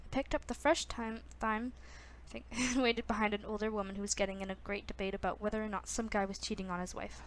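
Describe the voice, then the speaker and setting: A woman's voice: mid-range voice, steady tone, fast, hardly any pauses. A woman casually reading a novel aloud, stumbling, restarting and breaking off with self-conscious asides. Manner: frequent restarts. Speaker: reader.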